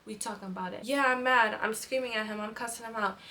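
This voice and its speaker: A woman's voice: a little high, steady tone, quick pace, sharp tone. A young woman, casually telling a storytime vlog with lots of filler "like"s.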